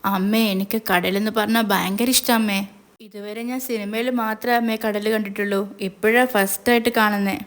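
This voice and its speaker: A woman voicing an excited little girl in a spoken serial recap, in an even, flat voice. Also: medium pitch, unhurried, lightly acted. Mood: eager.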